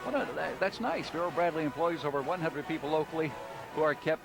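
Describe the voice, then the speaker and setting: A man's voice: fairly high pitch, fairly even intonation, fast talker, creaky. An American man working as a parade commentator, co-hosting a live broadcast with scripted copy and joking ad-libs. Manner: jokey banter. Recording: outdoor street broadcast, music behind.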